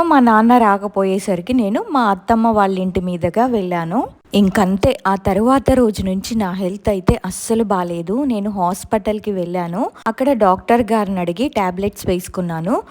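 A young woman narrates a ghost story that happened to her, in an earnest, steady voice at an ordinary pitch. She slips English words in and out as she talks, keeping a plain storyteller's pace. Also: moderate pace. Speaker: storyteller recounting her own experience.

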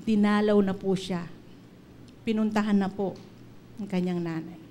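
A woman's voice: medium pitch, steady tone, measured pace, mellow, a little hiss or hum. A middle-aged woman preacher giving an earnest sermon, telling personal stories and slipping English phrases into her talk.

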